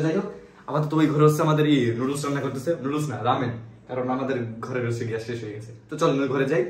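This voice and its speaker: A young man with a Bangladeshi accent chatting casually and jokingly as he hosts a vlog. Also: medium pitch. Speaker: vlogger hosting a food challenge. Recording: roomy echo, music underneath.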